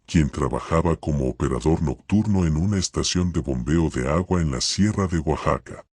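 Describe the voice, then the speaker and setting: A man with an extremely low, husky voice reads a horror tale slowly and steadily. The sound is dry and close, with no room around it. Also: darkish tone, dry recording. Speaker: narrator. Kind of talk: scripted horror narration.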